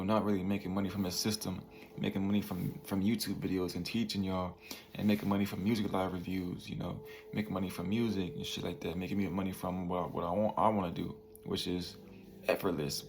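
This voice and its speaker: A young man in his twenties speaking slowly in a slightly low, gravelly voice. He talks in a loose, slang-heavy motivational monologue, tagging lines with "bro" and "you feel me". Faint room ambience sits behind him. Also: a little hiss or hum. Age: 20s. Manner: laid-back slang, peppers talk with "bro" and "you feel me". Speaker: vlogger.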